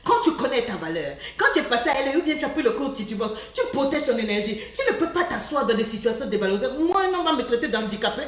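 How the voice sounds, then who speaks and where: A woman giving a lively, preachy love-coaching talk. She laughs often and mimics the people she talks about. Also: a little high, fast talker, hardly any pauses, echoey room, far from the mic. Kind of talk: live-streamed motivational talk.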